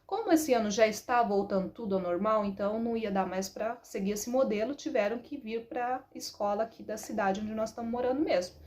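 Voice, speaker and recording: Chatty Brazilian mother, slightly high voice. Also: a little fast, hardly any pauses. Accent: Brazilian Portuguese. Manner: chatty, animated, keeps adding "né". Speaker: parenting talk host, mother. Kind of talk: casual storytelling talk.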